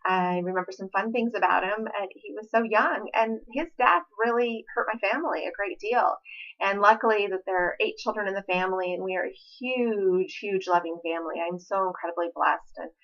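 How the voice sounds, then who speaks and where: A woman's voice: medium pitch, brisk, highs cut off. A woman in her forties, a relationship coach, talking earnestly and from the heart about love and loss to her viewers. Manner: earnest and heartfelt, with a gentle pleading tone. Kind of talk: personal vlog talk to camera.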